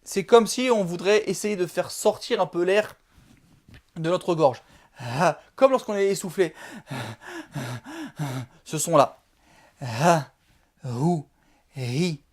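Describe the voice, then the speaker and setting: Slow, patient alphabet teacher. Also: mid-range voice. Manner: slow, patient, repeats each syllable drill and checks in often. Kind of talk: video lesson.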